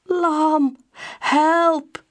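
A woman voicing an eager, impatient young male dog in a storybook, high and excitable, pushy and whiny. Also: a little slow. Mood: whimpering.

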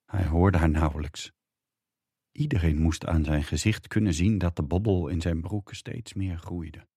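Low husky guy reading a book aloud, dark tone, dry close mic. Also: normal speed, dry recording. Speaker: reader. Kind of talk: audiobook narration.

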